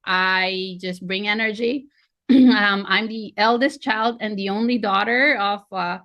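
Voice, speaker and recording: With an unhurried, medium-pitched voice, this Filipina woman in her forties coaches an online real estate webinar over video call, chatty and self-deprecating. There's no room sound, but the audio is dull.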